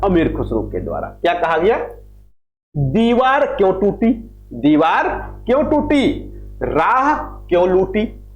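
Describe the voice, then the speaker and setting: A man's voice: high-pitched, darkish tone. A man teaching a lecture on Hindi literature, who asks questions and answers them himself and repeats key phrases. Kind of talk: classroom lecture. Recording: roomy, slightly dull recording with faint music.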